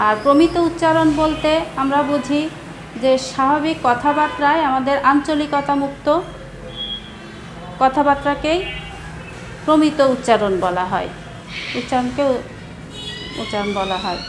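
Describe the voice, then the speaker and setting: A woman teacher giving a recorded class lecture, explaining slowly with pauses and repeating example words. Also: sits high. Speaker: Bangla teacher. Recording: echoey room with background noise.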